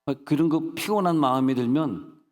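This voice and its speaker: A fairly high-pitched man speaks at a moderate pace, delivering a sermon as senior pastor in a church sanctuary. His style is folksy storytelling full of humor and asides, with rhetorical check-ins to the congregation, and the sound has a long hall reverb.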